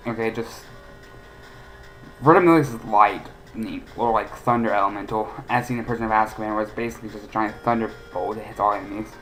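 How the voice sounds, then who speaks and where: A man's voice: medium pitch, a bit bright, low-quality recording. A man casually commenting on a retro game he is playing, rambling and opinionated with many hesitations. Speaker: let's play host.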